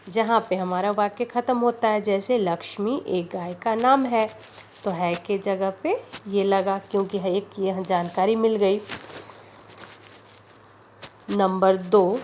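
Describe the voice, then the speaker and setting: A woman teacher explaining grammar in a slow, deliberate way, repeating example sentences. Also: mid-range voice, slight background noise. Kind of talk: Hindi grammar lesson.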